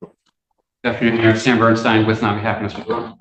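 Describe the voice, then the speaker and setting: A man's voice: fairly low pitch, monotone, fairly quick, dull audio, slight background noise. A man speaking formally as defense attorney in court, heard on a courtroom recording. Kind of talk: courtroom proceedings. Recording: roomy courtroom recording from far off.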